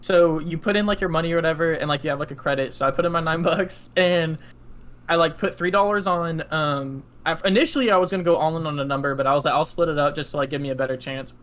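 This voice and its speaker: A nineteen-year-old podcast co-host tells a long, casual story in a slightly high, somewhat bright voice at a quick pace. He rambles, fills every gap with "like," and laughs often.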